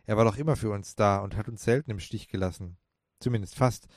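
Brisk young woman in a storybook, a male reader's own low voice, earnest, dry read. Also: no echo, lightly acted. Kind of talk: storybook character voice.

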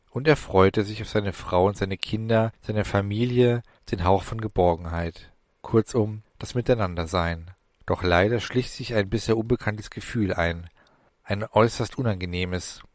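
A male audiobook narrator reads in a low, even voice, taking his time with every phrase. The recording is dry and close, with no room sound. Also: dry recording.

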